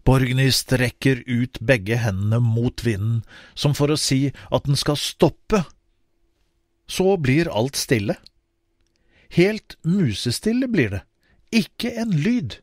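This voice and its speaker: A man narrating a children's audiobook expressively, with wide swings in pitch. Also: animated, no room sound, clean studio sound.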